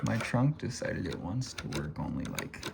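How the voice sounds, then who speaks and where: A man's voice: sing-song, moderate pace, vocal fry, noisy background. Muttering American man fixing a car. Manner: low, muttering, sighing at stuck parts. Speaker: DIY car repair vlogger. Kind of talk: casual chat while working.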